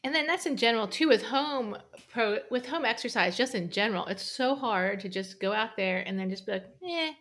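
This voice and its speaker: Woman podcast host, relaxed chat. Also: fairly high pitch, brisk, few pauses. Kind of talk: casual chat.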